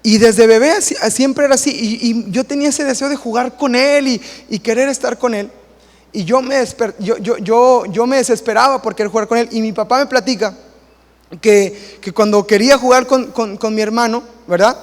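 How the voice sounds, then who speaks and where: A man preaches a sermon, his voice sitting high and bright for a man. He is animated and playful, slipping into quoted voices as he tells stories to his congregation. The sound carries a long reverb from the church hall. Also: moderate pace. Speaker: pastor.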